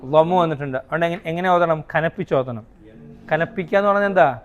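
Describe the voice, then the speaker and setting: Man, high voice, recitation teacher, questioning students, slow repeated sounding out. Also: highs cut off. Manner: asks students questions and answers them himself; models recitation slowly and repeats rules. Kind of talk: classroom tajweed lesson.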